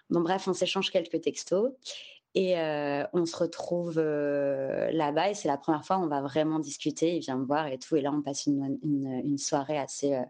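French woman telling her story on a podcast, low mellow voice, takes her time, drops english words in. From France. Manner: unhurried, searching for words, mixing in English terms. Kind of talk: candid personal storytelling.

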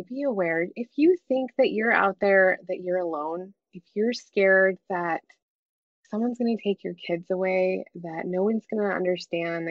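Low-voiced earnest guest, dull sound. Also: female voice, dry recording. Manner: earnest, encouraging, conversational. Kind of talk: casual chat.

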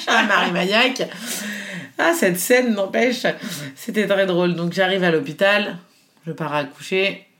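A woman in her thirties tells a personal story in relaxed conversation. She talks in an animated way, with many fillers, and often slips into the voices of people she quotes. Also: medium pitch, a little slow. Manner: animated storytelling, quoting others, frequent fillers. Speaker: guest telling her birth story. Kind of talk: casual chat.

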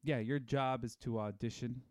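A man's voice: medium pitch, normal speed, dry recording, clean studio sound. A man in his thirties, a guest telling stories in casual chat with lots of fillers. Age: 30s. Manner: animated storyteller with many fillers. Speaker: podcast guest.

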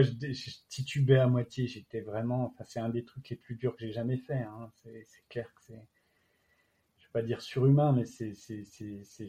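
A man with a dark, mellow voice and a French accent recounts his experience in a relaxed interview. He talks haltingly, full of fillers and restarts. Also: mid-range voice. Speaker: guest athlete. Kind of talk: casual interview storytelling.

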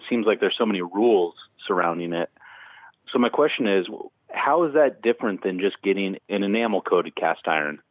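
A man's voice: sits low, lively intonation, fairly quick, dry recording. A man calling in to a talk show over the phone, asking his question in an easygoing, slightly hesitant way. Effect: heard over the phone. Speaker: caller. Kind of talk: casual call-in question. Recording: tinny phone line.

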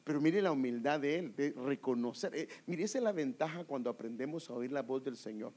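A man's voice: medium pitch, expressive, fairly quick, a little mellow. A man preaching a sermon with emphatic rhetorical questions, often calling his listeners "brother".

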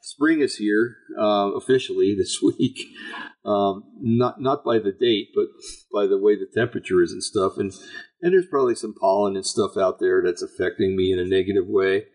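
A man with a raspy, gravelly voice hosting an online show, giving informal religious commentary in a rambling, halting, folksy way. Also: lowish voice, darkish tone, low-quality recording.

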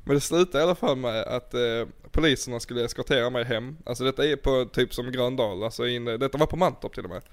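A man's voice: mid-range voice, few pauses. A young man in casual chat, laid-back and swearing, telling stories with laughs. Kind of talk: casual storytelling.

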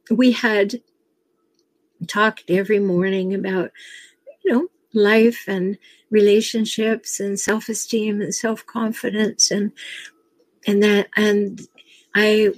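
In a mid-range voice with no echo, an older woman coaches on relationships, earnestly advising listeners and weaving in stories from her own life. Every so often she chuckles while telling them.

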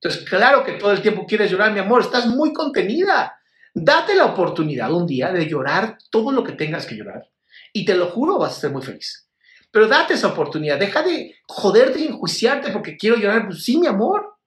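The speaker is a man with a Mexican Spanish accent whose high voice is sing-song and brisk. Hosting an informal live Q&A on mental health, he replies to viewers affectionately and bluntly, swears freely, and calls them "my love." The sound is roomy.

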